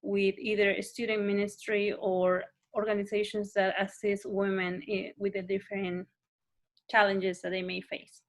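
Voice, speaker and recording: A woman's voice: medium pitch, level tone, moderate pace. Peruvian-born woman, hesitant panelist. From Peru. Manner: hesitant, searching for words. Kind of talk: panel discussion on a video call.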